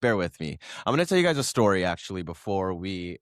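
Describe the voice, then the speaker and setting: A man's voice: low voice, sing-song, quick pace, clear, resonant tone, dry recording, clean studio sound. A man in his thirties hosting a solo podcast, chatting casually and rambling, correcting himself and laughing often, while coming down with a cold. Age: 30s. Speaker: podcast host.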